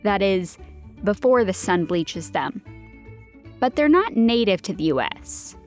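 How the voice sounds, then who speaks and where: A woman reads scripted narration for a podcast, clear and informative. Her voice sits at a middle pitch, with a faint music bed behind it. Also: big pitch swings, measured pace. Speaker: podcast producer.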